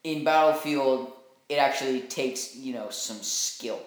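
A man's voice: medium pitch, a little slow. A young man co-hosting a casual gaming podcast, enthusiastic and rambling, laughing often. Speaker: podcast co-host. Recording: very echoey room.

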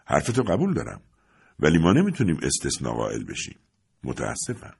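A man voicing a polite but firm hotel training director in an audiobook, speaking in a measured, formal way. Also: rumbling low, wildly swooping pitch, gravelly, breathy edge, voice pushed down, exaggerated voice.

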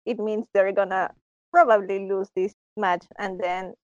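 A woman chats on a podcast in a halting way, repeating words and laughing lightly between thoughts. Her mic sounds muffled and completely dry. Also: mid-range voice, fairly even intonation, no echo. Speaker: podcast panelist. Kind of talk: casual podcast chat.

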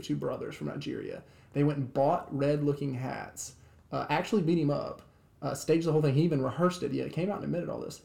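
A man's voice: mid-range voice, vocal fry, dark tone, roomy sound. A man co-hosting a podcast in casual chat, rambling with many restarts and fillers. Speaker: podcast co-host.

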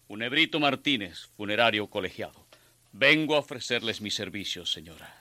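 A pompous, morbid undertaker. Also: male voice, fairly low pitch, expressive, normal speed, pushed and bright, no echo. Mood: solemn. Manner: solemn, flowery, theatrical delivery. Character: pompous, morbid male undertaker hungry for customers. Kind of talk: radio comedy acting.

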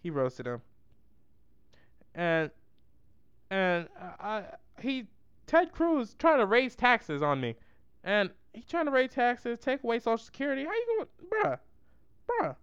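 A vlogger giving a casual, slangy and rambling political roast, with a clear voice. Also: medium pitch, very animated, slow pace, long pauses, a bit bright, dry recording, lo-fi sound.

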